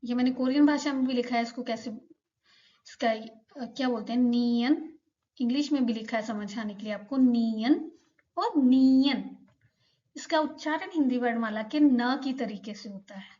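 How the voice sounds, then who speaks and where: एक महिला शिक्षिका धैर्य से पाठ समझाती है और हर उच्चारण को धीरे-धीरे दोहराती है।. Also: female voice, a little high, darkish tone, muffled recording. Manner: patient, repeats each sound slowly for learners. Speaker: Korean language teacher. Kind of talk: slow explanatory lesson.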